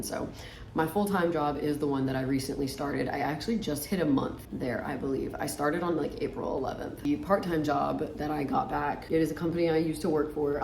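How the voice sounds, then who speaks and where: A young woman vlogger with a low, gravelly, darkish voice chats through a casual get-ready-with-me monologue while putting on makeup. She's informal and full of fillers, saying "like" constantly and trailing off into pauses. The recording has a roomy echo and a little hiss or hum.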